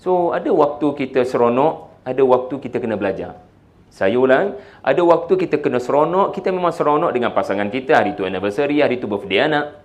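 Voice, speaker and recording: A man with a Malaysian Malay accent giving a religious lecture, moving between loud, emphatic points and quiet, soft talk, with English words mixed in. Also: mid-range voice, animated, fast. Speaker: Islamic preacher.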